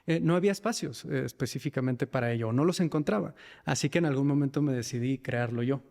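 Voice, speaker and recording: A men's mental health facilitator with a northern Mexican accent speaks fast as a podcast guest, reflecting personally on himself and his work. His medium-pitched voice is gravelly with a darkish tone, and a long reverb tail trails his words.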